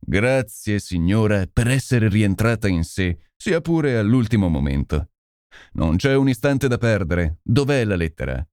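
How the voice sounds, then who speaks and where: A man voicing a brisk, commanding male detective who gives urgent orders, in an audiobook reading. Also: fairly low pitch, very animated, darkish tone, clean tone, dry recording, clean studio sound. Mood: urgent commands. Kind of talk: audiobook character voice.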